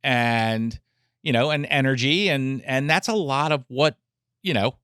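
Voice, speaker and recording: A man's voice: mid-range voice, measured pace, fairly bright tone, smooth, no room sound, clean studio sound. A man co-hosting a podcast in casual chat, rambling, with many restarts and jokes. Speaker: podcast co-host. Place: podcast studio.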